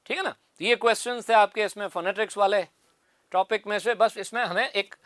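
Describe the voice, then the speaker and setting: High-voiced male teacher, dry sound. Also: fairly even intonation, a little fast, fairly bright tone, dry recording. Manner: explains step by step, repeats key answers. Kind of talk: exam-prep English phonetics lesson.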